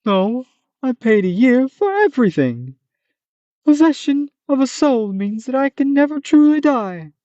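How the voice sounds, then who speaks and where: A reader voicing the Manticora, a fierce monster turned solemn and philosophical, in a high, loud, theatrical voice, on a dull, muffled recording. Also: very animated, unhurried, dry recording. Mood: solemn, grand.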